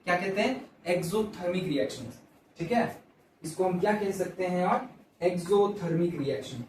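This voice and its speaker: A male science teacher lectures in a fairly high voice, repeating each key term and firing questions he then answers himself. He is recorded from a distance in a very echoey room. A faint noise sits behind him. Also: lively intonation, normal speed, darkish tone. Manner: repeats key terms, asks and answers his own questions. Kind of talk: classroom lecture. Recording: very echoey room, mic far off.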